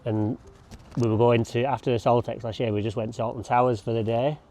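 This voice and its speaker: Out on a lawn, a lawn care vlogger talks casually to camera as he works, rambling and tossing in jokes. His voice is mellow and medium-pitched, level in tone, and brisk.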